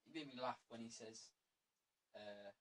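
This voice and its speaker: A man's voice: mid-range voice, fairly quick. Distant male co-host, hissy. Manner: quiet, joking, chuckling. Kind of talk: casual chat. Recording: distant from mic with hiss.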